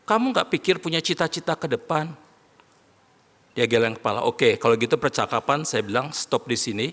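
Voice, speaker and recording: A man preaching a sermon as pastor, animated, often rising to shouts as he addresses the congregation. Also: medium pitch. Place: large worship hall. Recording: long hall reverb.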